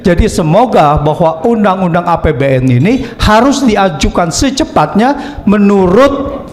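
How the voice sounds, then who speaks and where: A man giving measured political commentary, explaining step by step with frequent "eh" fillers. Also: sits high, lively intonation. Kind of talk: analytical commentary.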